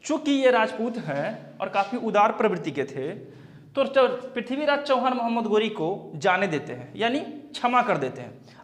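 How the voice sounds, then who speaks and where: Lively high-voiced male teacher. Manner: explanatory, poses questions then answers them. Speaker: exam coaching teacher. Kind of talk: classroom lecture.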